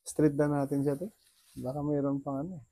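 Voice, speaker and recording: A man's voice: a little high, level tone, moderate pace, dark tone, no echo. A Filipino man working as a bone setter, talking a client through treatment in a soothing, coaxing way with frequent laughs. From Philippines.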